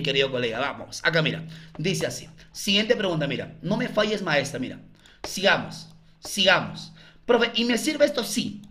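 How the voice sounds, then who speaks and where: A man's voice: sits high, sharp tone, a little hiss or hum. A Peruvian man tutoring math in a live online class, coaxing viewers with repeated questions to the chat.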